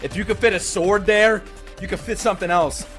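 A young American man in his twenties or so streams live, reacting with excitable, crude slang while chatting casually and exclaiming. His voice sits high and moves a little fast, with music playing behind him.

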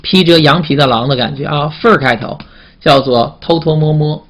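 A man's voice: fairly high pitch, a bit bright. Male vocabulary teacher, repetitive questioning. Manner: repetitive, drawn-out "啊" fillers and call-and-response questions. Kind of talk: classroom vocabulary lecture.

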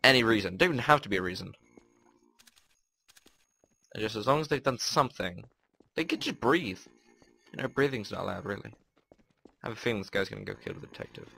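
Young guy chatting over a game, lowish voice, gravelly and kinda bright, wry and offhand. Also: expressive, fairly quick, long pauses, a little hiss or hum. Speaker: gaming video host. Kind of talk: casual gameplay commentary.

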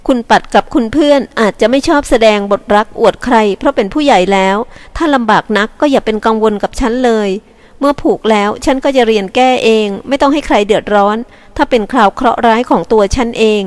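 A woman voicing a despairing young woman who pleads in a soft, sad, halting way, as an audiobook reading. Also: fairly high pitch, natural voice. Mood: sorrowful.

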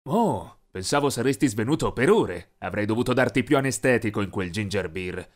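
A man voicing a cold, scheming male organ trafficker in an animated story, speaking low and menacing. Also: a little fast, close to an everyday voice. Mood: smug.

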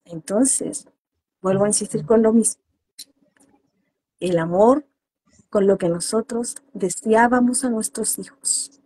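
A woman's voice: mid-range voice, slow, pauses often, warm tone, husky, no echo. A woman therapist speaking earnestly in an interview about parenting, acting out parents and children as she explains. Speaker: guest therapist.

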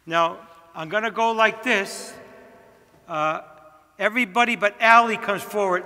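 A man, a priest, walking a wedding party through their rehearsal, giving chatty directions with joking asides. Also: high voice. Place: large church. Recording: long church reverb.

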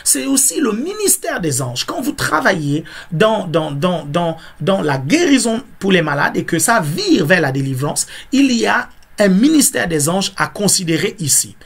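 A man's voice: sits high, big pitch swings, moderate pace, vocal fry, slightly rough. A male pastor preaching a teaching sermon, repeating key phrases and checking that listeners understand.

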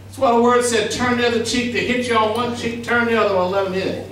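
A middle-aged pastor preaches a sermon into a handheld mic in a small church sanctuary, captured by a distant camera in an echoey room. His voice is extremely high-pitched and steady, and he talks fast, emphatic and conversational, asking the congregation questions.

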